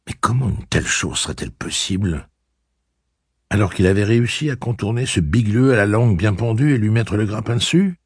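A man narrating an audiobook in a very low, gravelly voice. His delivery swings widely in pitch, dramatic and lively. The sound is close and dry, with no room around it. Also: brisk, no room sound. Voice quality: deep gravelly husky voice. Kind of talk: expressive audiobook reading.

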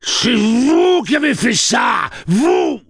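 A man voicing a grieving, middle-aged father who screams hoarse accusations. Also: very high-pitched, very animated, takes it slowly, a bit bright, dry recording, clean studio sound, voice pushed up, heavily acted. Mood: furious screaming. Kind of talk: audiobook character voice.

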